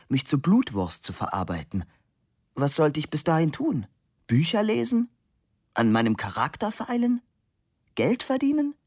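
A man's voice: fairly high pitch, dry recording, clean studio sound, pitched above the performer's own voice. A man reading an audiobook voices a disillusioned young man speaking with wry resignation.

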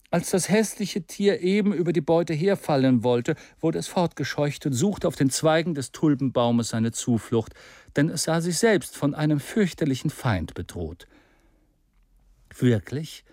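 A male storyteller reads a classic adventure novel with expressive, measured delivery. His voice sits a little high for a man, and the recording is dry and close. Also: dry recording. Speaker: audiobook narrator. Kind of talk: scripted narration.

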